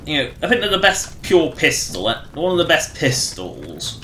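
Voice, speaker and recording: Animated man doing casual game commentary. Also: fairly high pitch, moderate pace, slight background noise. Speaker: game livestreamer. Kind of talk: casual rambling gameplay commentary. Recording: roomy echo, faint game music behind.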